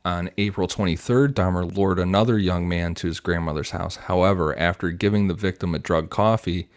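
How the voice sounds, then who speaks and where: A man with a very low, deep voice reads through his prepared notes in a steady, matter-of-fact way. He is close to a podcast microphone in a dry, dead-sounding room. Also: a little fast, smooth, no room sound. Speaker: podcast co-host and researcher.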